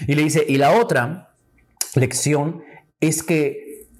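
Male host, slightly high voice, direct conversational teaching tone. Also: slow pace. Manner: conversational, addresses listener directly, repeats phrases. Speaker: podcast host and spiritual teacher. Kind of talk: teaching talk on forgiveness.

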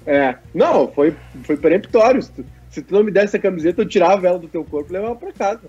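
Jokey co-host: nasal, higher voice, dull lo-fi stream audio. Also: male voice, lively intonation, fast talker, warm tone, breathy edge. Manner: joking, reads viewer messages aloud. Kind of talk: casual sports chat.

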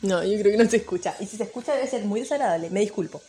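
A young woman with a Chilean Spanish accent and a sore throat, co-hosting a casual podcast chat, playful and quick to laugh. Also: mid-range voice, dark tone, slight background noise. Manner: playful, laughs often, sings snippets. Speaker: podcast co-host.

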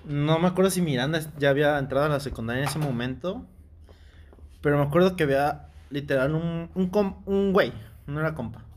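A young Mexican man recounts a story in loose, slang-filled casual chat. His voice sits a bit higher than most men's. A faint hiss of noise runs under the recording. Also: fairly quick.

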